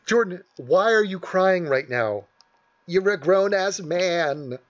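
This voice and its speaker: Male host, sarcastic clip commentary, high and animated, mocking and crude. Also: slow, highs cut off. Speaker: comedy video host. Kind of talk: sarcastic commentary over clips.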